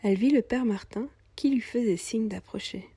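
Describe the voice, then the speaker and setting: A woman narrating a storybook tale calmly and softly, at times almost in a whisper. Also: on the high side, moderate pace, slightly rough, no room sound. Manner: calm, soft, at times near a whisper.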